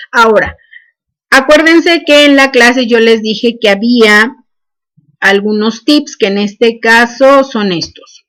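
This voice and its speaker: A woman with a fairly high, somewhat bright voice teaches a programming class in a screen-recorded coding lesson. She dictates each step, sprinkling in "este" as a filler.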